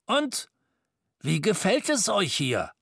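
A man voicing a skinny, croaky old Scrooge in a storybook reading, talking in a high, shrill and animated way. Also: slow, dry recording, clean studio sound, heavily acted. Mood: cheerful. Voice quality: croaking, rasping.

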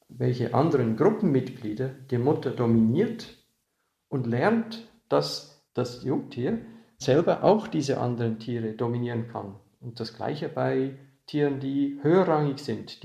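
Man, interviewed researcher, explanatory talk, creaky voice, roomy echoing sound. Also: medium pitch, dark tone. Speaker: animal researcher being interviewed.

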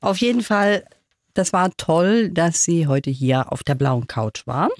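A woman's voice: on the low side, animated, unhurried, no room sound, clean studio sound. A woman hosting a casual interview, speaking in an informal, chatty way. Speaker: interview host.

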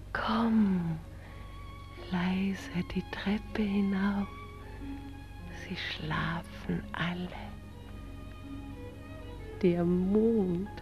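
An actress playing a young wife going mad with grief, who whispers tenderly and then laughs and cries out in wild distress. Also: female voice, medium pitch, gravelly, lo-fi sound. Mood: hushed pleading. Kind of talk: stage drama performance.

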